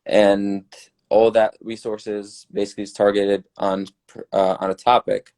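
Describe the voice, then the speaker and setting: A young man from Syria, a newly graduated dentist, giving earnest, relaxed advice as a podcast guest. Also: fairly low pitch, measured pace. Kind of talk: casual podcast chat.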